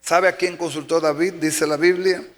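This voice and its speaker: A man's voice: on the high side, fairly even intonation, moderate pace. A man pastor with a Dominican Spanish accent, preaching a sermon emphatically and repeating key phrases for effect. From Dominican Republic. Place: church sanctuary. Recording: long church reverb with faint music.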